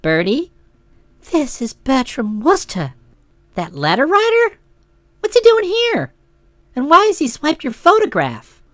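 Blunt, solid young woman, brusque and deadpan, put on by a woman reader, tight dry recording. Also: high-pitched, unhurried, long pauses, no room sound, pitched below the performer's own voice, full character voice. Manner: brusque, dry and matter-of-fact. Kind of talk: audiobook character voice.

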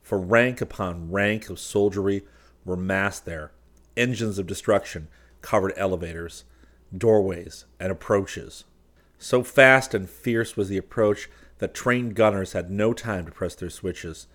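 A man narrating a science-fiction audiobook in a steady, measured reading. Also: low-pitched.

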